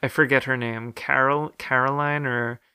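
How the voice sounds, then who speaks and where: Bright, crisp-voiced man chatting about films. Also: medium pitch, level tone, normal speed, dry recording, studio quality. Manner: chatty, frequent fillers and restarts. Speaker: podcast co-host. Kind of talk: casual film discussion.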